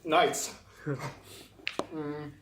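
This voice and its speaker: A man's voice: fairly high pitch, flat delivery, drawn-out words, fairly bright tone. Young man chatting between mouthfuls. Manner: eats while talking, hums "mm" between thoughts. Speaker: vlog host answering questions. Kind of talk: casual chat while eating. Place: indoors at a meal. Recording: echoey room, mic at a distance, faint noise.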